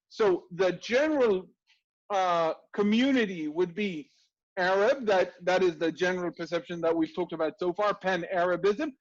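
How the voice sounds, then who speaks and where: A man hosting an interview, talking in a hesitant way with many fillers and restarts. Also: sits high. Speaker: host. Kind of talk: casual interview chat. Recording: slightly dull lo-fi audio.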